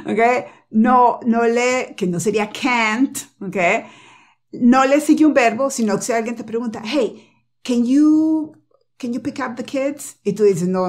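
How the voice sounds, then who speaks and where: A woman whose first language is Spanish, teaching English pronunciation in a casual, animated lesson and repeating example phrases. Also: on the high side. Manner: tag questions, jumps for stress.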